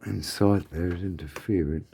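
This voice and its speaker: A man narrates his model build in a casual, muttering way, half talking to himself as he works. His voice sits a little low and sounds warm and mellow rather than bright. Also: fairly even intonation, normal speed, vocal fry, breathy edge. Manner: mumbling, thinking aloud to himself. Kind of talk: casual workbench commentary.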